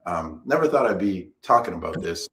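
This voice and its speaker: A man's voice: sits low, animated, fairly quick, a bit bright, echoey room. A man co-hosting a casual live-stream chat, rambling and repeating himself as he talks. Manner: rambling, repeats phrases, laughs often. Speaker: co-host.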